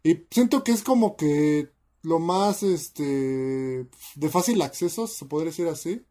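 A young man with a Mexican Spanish accent, a guest in casual chat, speaking in a measured way and hedging as he thinks aloud. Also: fairly high pitch, lively intonation, mellow.

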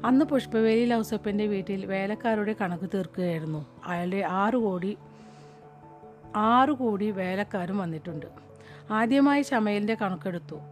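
A woman narrating a novel as an audiobook, reading in a measured, steady way. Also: mid-range voice. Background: music.

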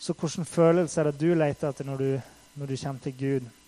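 Male preacher, casual sermon, fairly high voice, chatty with fillers, surges in intensity. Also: fairly even intonation, dark tone, poor audio. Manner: conversational, many fillers, acts out quotes with rising intensity.

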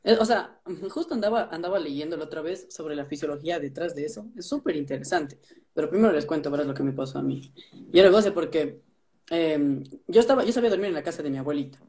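Fast-talking Ecuadorian man, dark voice. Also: on the high side. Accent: Ecuadorian Spanish. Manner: animated storytelling, many restarts. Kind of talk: casual chat.

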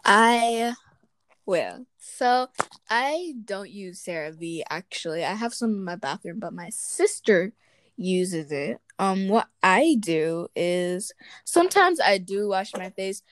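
A woman's voice: mid-range voice, expressive, slow pace. A young woman co-hosting a casual chat podcast, speaking earnestly and reflectively, speeding up when she makes a point. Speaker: podcast co-host.

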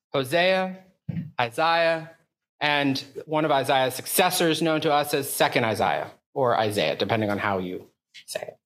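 A man preaching a conversational sermon as a priest, casual and chatty, peppering his talk with filler words and swinging up in pitch for emphasis and questions. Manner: animated, rising pitch on questions.

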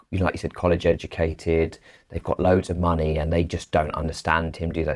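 A man co-hosting a podcast, rambling and giggly while talking about a film. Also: low voice. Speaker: podcast co-host. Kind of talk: casual film review chat.

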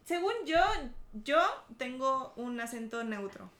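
Young mexican woman chatting, rambly, bright voice, echoey room. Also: fairly high pitch, expressive, takes it slowly. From Mexico City. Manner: chatty, rambling with many fillers. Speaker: podcast co-host. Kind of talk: casual chat.

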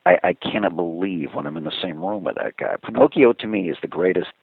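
Voice actor guy gushing about his work, low raspy voice, sounds like a phone call. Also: fast talker, dry recording. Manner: animated, enthusiastic storyteller. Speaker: voice actor guest. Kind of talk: casual interview chat. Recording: tinny phone-like line.

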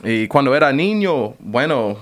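A man's voice: medium pitch, big pitch swings, unhurried, fairly bright tone. An American man whose first language is English, answering interview questions in careful learner's Spanish, with frequent stops and restarts. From United States. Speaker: radio guest.

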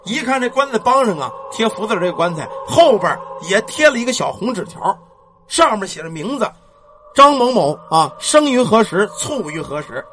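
A man telling a spooky folk story in a lively, colloquial way. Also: sits high, moderate pace, slight background noise. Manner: animated, colloquial northern Chinese storytelling with erhua. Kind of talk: spoken ghost story. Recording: clear music bed behind voice.

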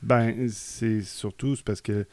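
Québécois guy co-hosting, low voice, jokey and explains stuff for listeners. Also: fairly even intonation, slow, a little mellow, dry recording. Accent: Québécois French. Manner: joking, explains things for listeners. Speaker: podcast co-host. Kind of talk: casual chat.

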